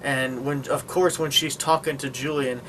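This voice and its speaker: A man reviews a film in a loose, chatty way, walking through the plot with frequent hesitations and fillers. His voice is bright and forceful, sitting at an ordinary middle pitch. He drops sarcastic asides along the way. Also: steady tone, normal speed, slight background noise. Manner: rambling retelling with many fillers and sarcastic asides. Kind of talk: casual spoken movie review.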